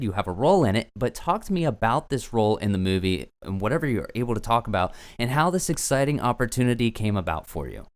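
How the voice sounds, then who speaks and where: A man hosts an interview podcast and puts eager questions to his guest. His voice is lowish and smooth, and he talks at a brisk clip. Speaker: podcast host.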